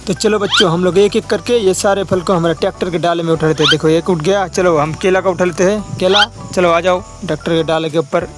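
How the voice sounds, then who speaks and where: A man hosting a kids' toy video, narrating with excitement and repeating his exclamations over and over. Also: on the high side. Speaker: host narrating toy play for kids. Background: background music.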